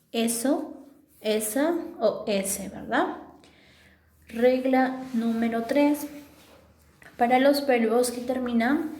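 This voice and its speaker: A woman's voice: fairly high pitch, dark tone. A young woman teaching grammar to a class, patiently repeating each rule and checking that students follow. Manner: patient, repeats rules, checks understanding with "¿verdad?". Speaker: English teacher. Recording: echoey room.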